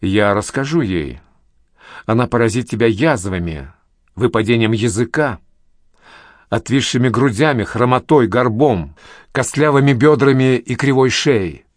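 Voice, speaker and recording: A man's voice: mid-range voice, animated, unhurried, no echo, studio quality, close to an everyday voice. A man voicing a spiteful, vengeful woman who speaks in a bitter, accusing way, in an audiobook.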